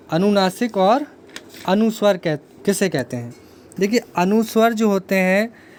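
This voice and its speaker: High-voiced man teaching grammar. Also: a little hiss or hum. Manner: explanatory, repeats key terms, asks the viewer questions. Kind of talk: exam-prep grammar lesson.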